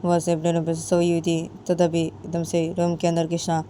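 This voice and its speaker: Low-voiced woman telling a rambling story. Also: monotone, moderate pace, dark tone, slight background noise. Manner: rambling, repetitive, self-correcting. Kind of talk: improvised spoken story narration.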